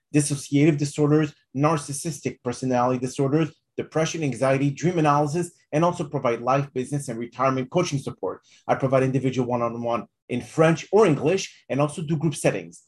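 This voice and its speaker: A man hosting his own podcast, introducing himself and asking a guest questions in a measured, encouraging way. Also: medium pitch. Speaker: podcast host, psychotherapist.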